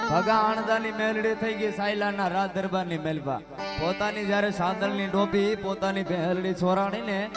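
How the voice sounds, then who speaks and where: A man, telling devotional stories in a sermon-like way, breaking into sung refrains at a live gathering. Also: high voice. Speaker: devotional singer and storyteller. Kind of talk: live devotional storytelling with singing. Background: loud music with guitar.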